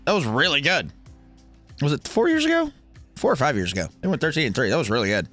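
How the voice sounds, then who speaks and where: A man's voice: a little high, very animated, fast talker, fairly bright tone, soft background music. A man in his thirties hosting a casual sports watch-along livestream, bantering and swearing as he answers viewer comments. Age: 30s. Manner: profane, joking banter with chat. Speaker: livestream host.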